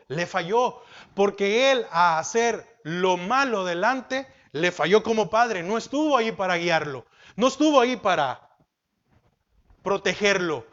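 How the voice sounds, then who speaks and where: High-voiced, slow-preaching male pastor. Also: muffled recording. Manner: preaching with rhetorical questions to the congregation; slow and emphatic, swings from loud to soft. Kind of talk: sermon.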